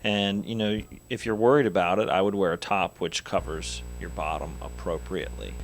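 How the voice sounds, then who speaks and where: A middle-aged man, a school principal, answering interview questions in a measured, halting way with frequent ums and uhs. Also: sits low, creaky. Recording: noisy school video recording.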